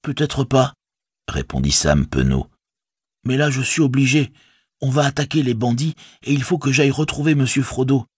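A man reading an audiobook, voicing a loyal, eager young male hobbit in a raised, husky voice. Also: medium pitch, normal speed, no room sound, clean studio sound, voice pushed up. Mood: sheepish. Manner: earnest, excited.

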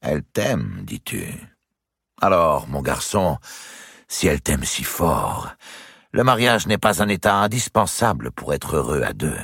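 A man's voice: a bass voice, big pitch swings, measured pace, a bit bright, husky, no room sound, full character voice. A man voicing a wry older banker uncle, dry and cynically amused, in a storybook reading.

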